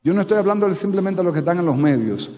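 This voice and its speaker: A Dominican pastor from the Dominican Republic preaches to a live congregation in a church sanctuary, with a Dominican Spanish accent and questions for the crowd. His high, dark-toned voice is animated and racing, echoing with church hall reverb.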